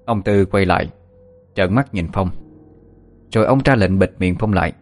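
A man narrating a dramatic story in steady scripted narration. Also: low voice, normal speed.

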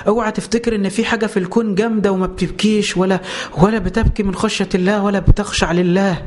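High-voiced fast Egyptian preacher man. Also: fairly even intonation, a little mellow, slight background noise. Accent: Egyptian Arabic. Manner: rhetorical questions answered himself, impassioned. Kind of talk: Egyptian Arabic religious lesson.

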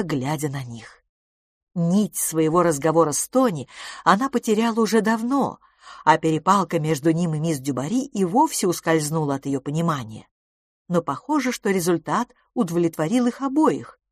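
A woman narrates an audiobook in a measured, even manner. Her voice sits fairly low. The recording is dry and close. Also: no room sound. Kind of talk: scripted narration.

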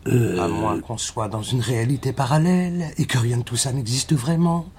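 An actor playing a pedantic adult clone in a radio drama, hesitant and nitpicking about grammar. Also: male voice, mid-range voice, expressive, normal speed, darkish tone, a little hiss or hum, lightly acted.

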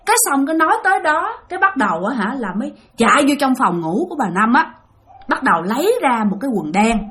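A woman's voice: high voice, very animated, fast talker, a bit bright. A woman with a Southern Vietnamese accent narrating a ghost story in a chatty way, talking directly to her listeners.

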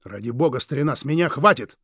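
A man's voice: medium pitch, expressive, quick pace, sharp tone, dry recording, studio quality. A man voicing a firm, indignant British husband and shopkeeper in an audiobook.

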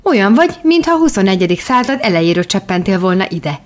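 A woman's voice: medium pitch, big pitch swings, natural voice. A woman reading an audiobook and voicing a poor, kind-hearted teenage boy who likes to tease, with a playful delivery. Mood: teasing. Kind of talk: audiobook character voice.

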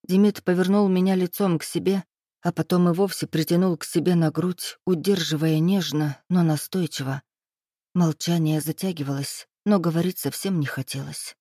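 Woman, audiobook narration, first person, steady even reading, mellow tone, dry recording. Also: on the low side, moderate pace, no echo.

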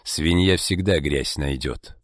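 A man doing a hot-tempered middle-aged tycoon in an audiobook, his voice dropped deep and slow. Every line comes out curt and menacing, and the sound is dry and close. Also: no room sound, heavily acted. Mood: grim, contemptuous.

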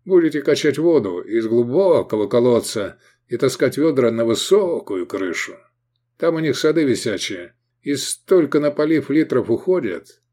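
A man's voice: mid-range voice, lively intonation, normal speed, warm tone, voice pushed up, lightly acted. A man voicing a stern scarred male fighter who announces a sentence coldly. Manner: cold, matter-of-fact. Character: cold scarred male warrior-doctor, flat and stern.

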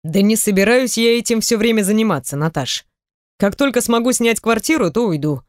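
A woman voicing a gruff, weary young man in an audiobook, speaking low and terse. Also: lively intonation, brisk, no room sound, studio quality, close to an everyday voice.

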